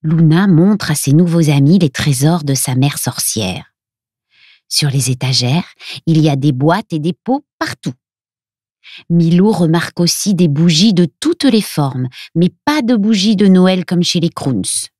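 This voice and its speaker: Woman narrator for children's audio story, gentle, lowish breathy voice, dry close recording. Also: animated, measured pace, no room sound.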